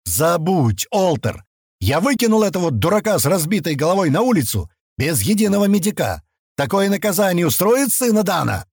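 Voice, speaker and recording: A man's voice: high voice, sing-song, a little fast, creaky, a little mellow, husky, dry recording, studio quality, pitched above the performer's own voice, heavily acted. A man voicing a fat, drunk male governor who bellows and spits out threats, in an audiobook. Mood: bellowing. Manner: bellowing, slurring, spitting threats.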